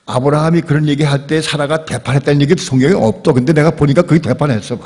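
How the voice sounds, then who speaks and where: A male pastor preaching a sermon at a church service, telling the story in a lively, conversational and emphatic way. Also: on the high side, fast. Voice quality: husky, gravelly.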